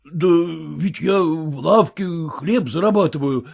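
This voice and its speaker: A woman's voice: low voice, animated, measured pace, breathy edge, voice pushed up, full character voice. A woman voicing a bewildered merchant husband in a storybook reading, pleading and flustered. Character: bewildered middle-aged merchant husband, meek.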